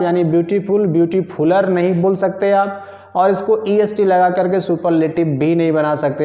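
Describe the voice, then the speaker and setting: A man's voice: on the high side, warm tone. A man teaches a grammar lesson, patiently repeating each rule and spelling words out letter by letter. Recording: roomy, echoing and dull lo-fi sound.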